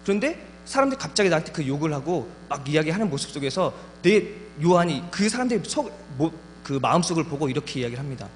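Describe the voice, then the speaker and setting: Male preacher, animated sermon delivery, long reverb in a church hall, faint hum. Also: on the high side, quick pace, few pauses. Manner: animated preaching with rhetorical questions. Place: church sanctuary.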